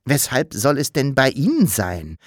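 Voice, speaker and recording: A man's voice: mid-range voice, huge pitch swings, a little slow, dry recording, studio quality. A man voicing a mild, flustered lodger who is a single father, speaking politely in a puzzled, raised voice in an audiobook.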